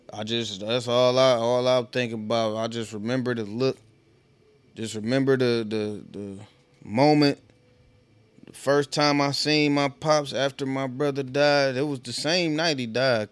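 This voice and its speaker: A man's voice: mid-range voice, clear, resonant tone, no room sound. A man hosting a casual solo podcast, rambling and profane, talking straight to his listeners. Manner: loose, profane, rambling, talks to listeners directly. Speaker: podcast host.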